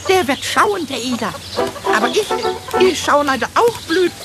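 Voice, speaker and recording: Tiny cheeky kobold, old cartoon style, super high n swoopy, easily alarmed, kids audio play with music. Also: female voice, big pitch swings, moderate pace. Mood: sulky, determined. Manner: exclaiming, repeats words, childlike phrasing. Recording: music behind the voice.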